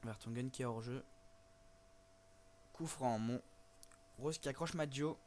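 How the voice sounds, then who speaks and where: A young man giving casual, chatty let's play commentary over a football management game, hesitant with many fillers and sudden bursts of excitement. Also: medium pitch, measured pace, slight background noise. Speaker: gaming YouTuber.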